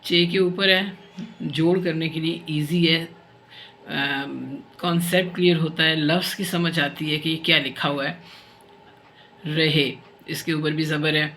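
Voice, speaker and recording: A woman teacher giving a reading lesson to young children, patient and explanatory, who reads example sentences slowly and carefully. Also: deep voice, steady tone, fairly bright tone, a little hiss or hum. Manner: patient, explanatory, checks in often. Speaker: primary school teacher.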